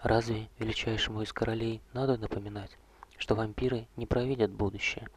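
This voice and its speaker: A man voicing a weary, gentle old male vampire courtier who speaks slowly and softly, often in a whisper, with a husky voice. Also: on the low side, level tone. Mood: sorrowful. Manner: soft, slow, hushed, often whispered.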